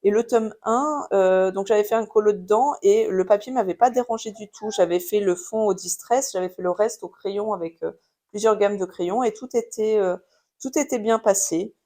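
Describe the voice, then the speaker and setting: A woman's voice: medium pitch, normal speed, dark tone. A woman in her thirties with a French accent, chatting casually in a haul video at home, with many fillers and restarts. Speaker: craft YouTuber showing purchases. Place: home with a baby nearby.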